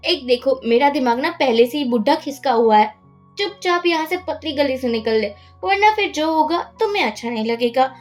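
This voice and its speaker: A brash, scheming young heroine with a cheeky, boastful swagger, as a woman narrating a drama recap puts her on. The voice sits high and bright. Faint music plays underneath. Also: expressive, moderate pace.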